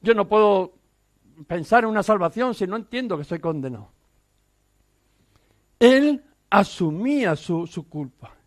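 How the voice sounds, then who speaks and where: High-voiced Spanish pastor preaching earnestly. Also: male voice, expressive, measured pace, long pauses, no echo. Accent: Peninsular Spanish. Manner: earnest, emphatic preaching with rhetorical questions. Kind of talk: sermon.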